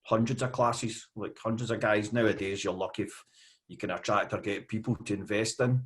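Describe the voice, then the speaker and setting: A Scottish man in his fifties, a podcast guest talking casually with many fillers and pauses. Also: fairly low pitch, fairly even intonation, a bit bright. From Scotland. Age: 50s. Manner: hesitant, with frequent fillers. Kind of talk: casual interview.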